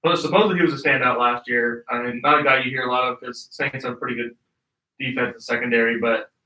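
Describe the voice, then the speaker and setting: Fast, very bright male co-host. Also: medium pitch, steady tone, roomy sound, far from the mic, rough recording. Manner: quick, chiming in. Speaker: podcast co-host. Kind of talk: casual sports chat.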